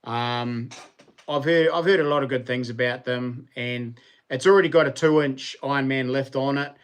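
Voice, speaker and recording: A man with a New Zealand accent hosts a casual livestream in a medium-pitched voice. He rambles along informally, using plenty of relaxed slang as he chats to his viewers. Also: moderate pace, clear, resonant tone. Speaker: livestream host.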